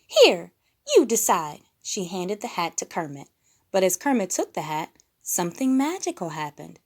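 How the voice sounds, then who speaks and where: Reading from a children's storybook, a woman narrates with plenty of expression in a voice on the low side, keeping a normal speed.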